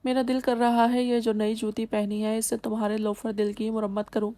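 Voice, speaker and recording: A woman's voice: fairly high pitch, flat delivery, dark tone, natural voice. A woman voicing a fiery, short-tempered young woman who talks in a snappy, threatening way. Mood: fierce.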